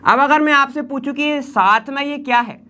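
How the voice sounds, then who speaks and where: A man's voice: extremely high pitch, normal speed, pushed and bright. Chatty male chemistry tutor. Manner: explains step by step, tagging lines with "ठीक है" and asking questions; mixes English terms into casual Hindi. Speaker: chemistry teacher. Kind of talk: online exam-prep lesson.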